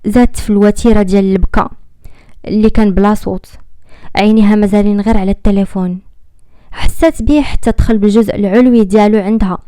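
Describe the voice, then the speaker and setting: A woman with a Moroccan accent narrates a dramatic love story in a measured, theatrical way. Her voice is mellow and warm, and the recording is dry and close, with no room sound. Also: mid-range voice, fairly even intonation, smooth, dry recording. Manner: measured and dramatic, slowing at tense moments.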